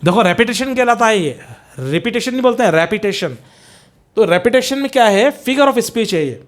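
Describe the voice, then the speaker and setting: A middle-aged man teaching an English poem to exam students, explaining in Hindi mixed with English, reading verse lines slowly and drawn out, and asking and answering his own questions. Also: very high voice, lively intonation. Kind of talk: exam-prep lecture.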